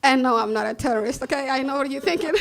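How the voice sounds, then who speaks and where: A woman from Somalia with a Somali accent, telling a personal story on stage in a blunt, animated way and laughing often between lines. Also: high voice, fast, creaky.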